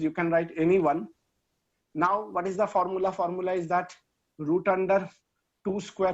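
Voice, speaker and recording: A male physics teacher, talking very slowly through vector sums and counting out each step. His voice sits a little high, and the recording has a dull, lo-fi sound. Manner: mixes Hindi and English, counts aloud while working sums. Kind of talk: online lecture.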